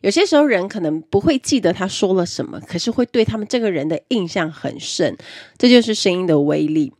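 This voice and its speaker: Lively, husky-voiced woman giving advice. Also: lowish voice, a little fast, no echo, clean studio sound. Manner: explanatory, stresses key words in lists. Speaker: self-improvement presenter. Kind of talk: instructional talk on speaking skills.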